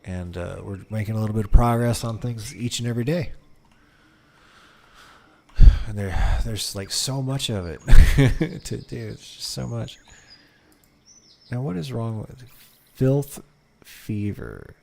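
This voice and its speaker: A man's voice: on the low side, unhurried, gravelly, a little mellow. A man doing casual live game commentary, hesitant and muttering to himself. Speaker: streamer, game player. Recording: background noise and game sounds.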